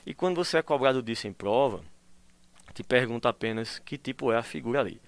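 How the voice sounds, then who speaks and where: A male teacher giving a recorded school lesson. He explains patiently, checks in constantly with tag questions, and acts out example phrases in a lively way. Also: mid-range voice, fast talker, clean tone, dry recording.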